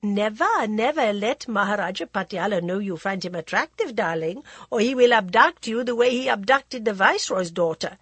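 A woman reading aloud voices a theatrical high-society lady who gushes and calls everyone darling. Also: lively intonation, normal speed, few pauses, fairly bright tone, breathy edge, dry recording. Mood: gushing gossip.

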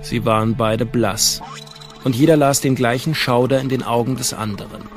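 A man reading an audiobook in a measured, calm storytelling manner. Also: medium pitch, music in the background. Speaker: audiobook narrator. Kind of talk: scripted narration.

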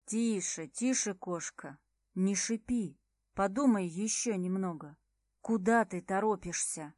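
A woman reading the lines of a cold, manipulative adult man who speaks smoothly and evenly with hidden menace, in a slow, unhurried audiobook delivery. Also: mid-range voice, a little mellow, dry recording. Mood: coaxing.

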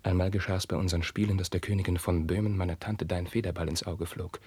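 An actor playing an anguished young prince, declaiming verse in a 1950s radio drama and swinging from hushed whispers to outbursts. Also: male voice, low voice, fairly even intonation, fast, breathy edge, no echo. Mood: brooding. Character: young anguished prince, passionate, tormented by forbidden love.

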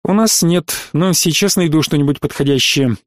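A man's voice: on the high side, moderate pace, no room sound, clean studio sound, close to an everyday voice. A man voicing an indignant, worried woman starship captain who grumbles and reproaches, for an audiobook.

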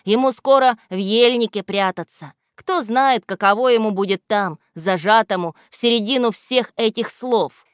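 A kindly male grammar guide speaks thoughtfully to children in a storybook, as a woman reader voices him. The tone is gentle, in a dry, close recording. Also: a little high, moderate pace, few pauses, clear, resonant tone, no echo, pitched above the performer's own voice, close to an everyday voice. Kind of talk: storybook reading.

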